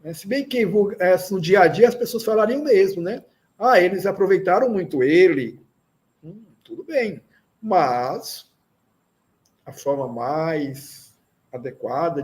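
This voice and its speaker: A man leads a lesson in a slow, patient way, often pausing to check that his students follow. His voice sits a little high yet sounds mellow, and it rises and falls a lot as he stresses each point. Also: expressive. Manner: repeats phrases slowly for learners. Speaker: Esperanto teacher. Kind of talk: language lesson, explaining grammar.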